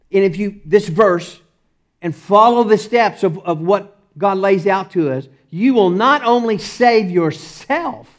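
This pastor's high-sitting voice carries a Texas accent as he delivers an emphatic sermon, repeating himself, laughing briefly now and then, and moving from loud passages to quiet ones.

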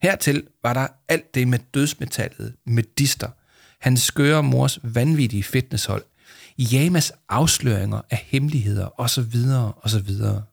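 A man narrating a children's storybook aloud in a calm storytelling manner. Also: medium pitch, gravelly, breathy edge, dry recording, clean studio sound. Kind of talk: storybook reading.

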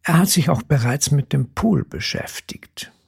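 Casting: male reader as a sharp-tongued wife, raspy and breathy, clipped and slow. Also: a little high, expressive, full character voice. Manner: clipped, venomous.

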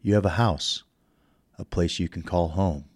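A man with a very low voice guides a meditation, unhurried and soothing. His words come slowly, with calm pauses between instructions. The sound is close and dry, with no room around it. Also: breathy edge, no echo.

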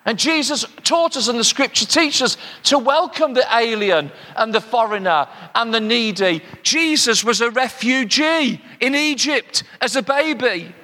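A man's voice: very high-pitched, a little slow, few pauses, pushed and bright. An older British man preaching a sermon in a conversational way, with joking asides to the congregation. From United Kingdom. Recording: long hall reverb.

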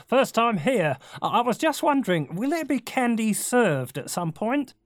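Nervous polite newbie who keeps interrupting, stammery, dry close mic. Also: male voice, very high-pitched, very animated, moderate pace, dry recording. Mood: timid eager. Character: eager, naive young man, new society member, candy-obsessed. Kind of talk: comedic audio sketch.

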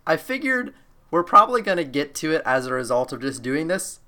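A bright, forceful voice of medium pitch. The speaker is playful and jokey in a casual group chat, swearing lightly and riffing on words. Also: big pitch swings, a little fast.

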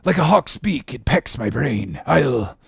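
A man voicing an obsessed old one-legged whaling captain in a gravelly, raspy voice, declaiming grandly in archaic seafaring speech for an audiobook. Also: medium pitch, big pitch swings, unhurried, no room sound, clean studio sound, full character voice. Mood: brooding, muttering. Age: older. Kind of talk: dramatic audiobook character reading.

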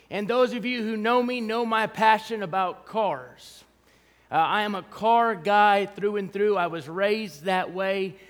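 A man preaching as a guest speaker, telling stories in an animated way with self-deprecating humor. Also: high voice. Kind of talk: storytelling sermon. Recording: reverberant hall.

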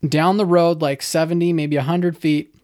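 A speaker telling a story in casual conversation, lively, with frequent fillers and laughs. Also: medium pitch, moderate pace.

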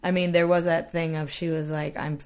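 A woman's voice: sits low, little pitch movement, a little fast, clean tone. A woman in her thirties hosting a podcast, chatty and laughing often. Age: 30s. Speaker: podcast host. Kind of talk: casual interview chat.

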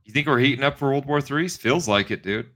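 A man's voice: mid-range voice, brisk, sharp tone. A man bantering casually as a podcast co-host in a slangy frat-bro manner. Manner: slangy frat-bro talk, full of "dude" and "bro".

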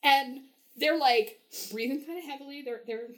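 A woman's voice: sits high, moderate pace, a crowd in the background. A young woman telling a story as a podcast guest, chatty, with many fillers and frequent laughs. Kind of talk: casual storytelling.

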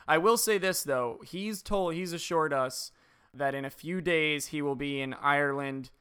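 A man's voice: on the high side, a little slow, sharp tone, smooth. Joking man hosting a podcast. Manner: joking, wry. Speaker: podcast host. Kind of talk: casual chat. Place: apartment with dimmed lights.

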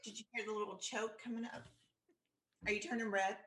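A woman's voice: medium pitch, flat delivery, a little fast, a bit bright, a little hiss or hum. A woman, an adult daughter, trading dry, wry comebacks with her mother in a casual family chat. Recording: roomy echo.

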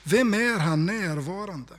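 Male preacher, slightly higher voice, husky, conversational sermon delivery. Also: animated. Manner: conversational, reflective, dropping to hushed tones for emphasis.

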